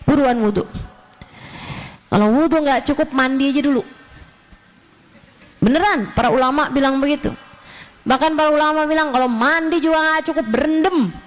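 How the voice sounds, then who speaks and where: A woman's voice: sits high, moderate pace, long pauses, low-quality recording. A woman giving a religious lecture as a preacher, animatedly acting out the complaints of her listeners. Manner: animated, acts out congregants' complaints.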